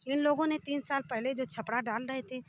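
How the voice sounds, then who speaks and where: A high-pitched woman speaks in a distressed, pleading rush as she is interviewed outdoors for a news report. She tells a long, run-on account from beside a demolished house. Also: steady tone, normal speed, a little hiss or hum. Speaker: interviewee, family member of the house owner.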